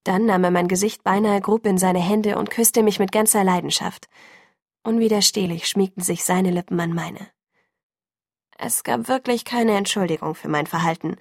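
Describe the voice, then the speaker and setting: A woman reading a novel aloud in the first person, in a soft, intimate audiobook narration. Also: mid-range voice, gravelly, no room sound, studio quality.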